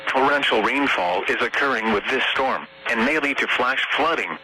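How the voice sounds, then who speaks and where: A man's voice: mid-range voice, normal speed, bright, forceful tone. A man's synthetic, stilted weather radio voice reading a scripted emergency warning over a noisy, muffled radio broadcast.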